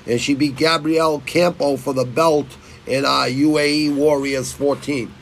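A man's voice: a little high, fairly even intonation, normal speed, vocal fry, slight background noise, rough recording. A middle-aged man, rambling and swearing through his fight betting picks and stumbling over fighters' names. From Massachusetts. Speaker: fight picks channel host. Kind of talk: casual betting picks talk.

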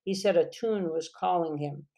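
A woman's voice: fairly low pitch, normal speed, warm tone, lightly acted. A woman voicing a festival-goer who calls out what she saw, read from a novel. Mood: calling out.

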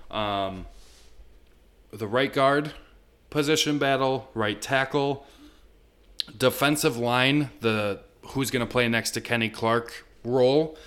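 A man's voice: fairly low pitch, a bit bright, smooth. A man hosting a casual sports podcast. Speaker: podcast host.

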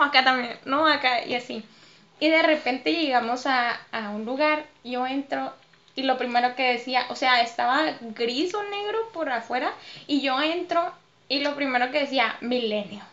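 A woman with a Mexican accent, a dancer and choreographer, telling stories as a podcast guest in a lively way, laughing often. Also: sits high, normal speed, lo-fi sound. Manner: lively, laughs often, acts out her own past remarks. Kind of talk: casual interview storytelling.

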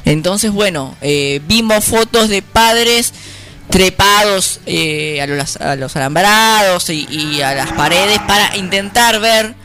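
A man's voice: high voice, lively intonation, slow, pushed and bright, soft background music. A man with an Argentine accent, insistently explaining in a comedy sketch. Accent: Argentine Spanish. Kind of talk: comic sketch arguing.

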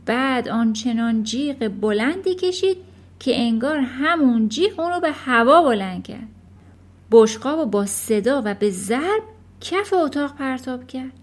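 A woman narrating a children's audiobook in an expressive storytelling manner. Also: high-pitched.

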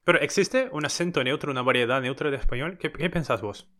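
A man hosts an interview in a casual way. He asks open questions and keeps the conversation going with short murmurs of agreement. His voice sits at an ordinary mid pitch. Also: fast talker, bright, forceful tone. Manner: brief affirming backchannels, asks open questions. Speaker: podcast host.

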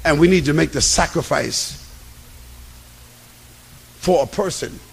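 A man giving an impassioned religious and political lecture in a raspy voice, with an emphatic, repetitive preacher's cadence. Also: fairly high pitch, measured pace. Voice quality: raspy, gravelly. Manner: emphatic, repetitive preacher's cadence, swinging between hushed and shouted.

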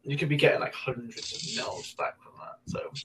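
A man co-hosting a casual podcast chat, hesitant and filling pauses with ums. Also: medium pitch, steady tone, background noise. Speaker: podcast co-host.

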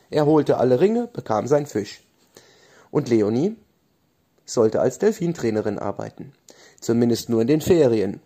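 A man reading a bedtime fairy story aloud in a gentle storytelling manner. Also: medium pitch.

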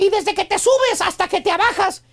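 Mexican guy hosting comedy radio, really high and gravelly, always teasing. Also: normal speed, a bit bright, soft background music. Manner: mocking, teasing, mimics bossy wife. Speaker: radio show host.

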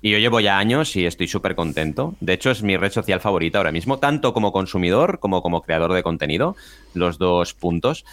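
Lively low-voiced man explaining. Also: fast, dry recording. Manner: upbeat, explanatory. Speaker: podcast co-host and marketing guest expert. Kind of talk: casual podcast talk.

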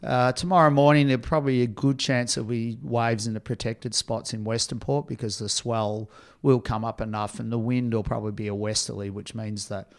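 A man's voice: mid-range voice, fairly even intonation, brisk. An Australian man giving an informal, matter-of-fact surf report on radio.

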